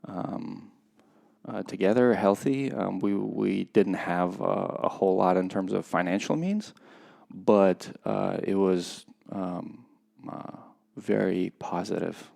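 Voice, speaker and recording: Deep, gravelly and warm, the voice here is that of a skydiving competitor from Russia, a man in his thirties guesting on a podcast. The interview is casual, and he comes across as reflective and unhurried, hesitant and full of pauses.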